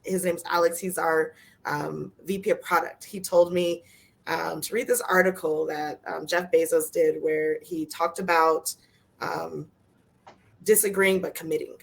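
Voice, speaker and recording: A woman speaking earnestly as a panelist in a casual discussion, plain-spoken and quick to laugh. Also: low voice, steady tone, creaky.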